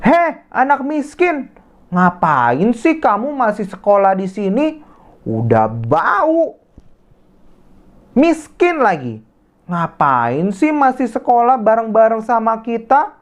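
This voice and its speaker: A woman's voice: fairly high pitch, sing-song, takes it slowly, pitched above the performer's own voice. A woman voicing mean schoolgirls who taunt a poor classmate in a children's story, with sneering, mocking taunts. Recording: slightly muffled lo-fi audio.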